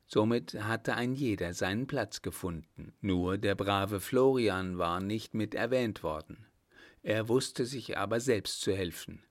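A man narrates an audiobook in a calm, even storytelling manner. His voice sits low. He reads at an unhurried pace.

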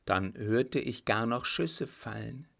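A man reading a historical novel aloud in a measured storytelling manner. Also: medium pitch, vocal fry. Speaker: audiobook reader. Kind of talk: scripted narration.

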